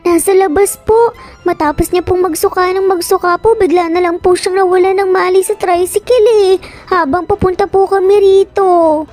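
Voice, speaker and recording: A woman's voice: very high voice, steady tone, moderate pace, darkish tone, faint music behind, voice pushed up. A woman voicing a tearful little boy who politely begs a doctor for help. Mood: tearful pleading. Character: crying pleading little boy.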